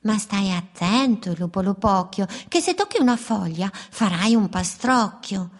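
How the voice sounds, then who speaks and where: A woman's voice: medium pitch, lively intonation, a little slow. A woman voicing a pair of scruffy, teasing birds who speak in a rhyming, sing-song lilt in a storybook.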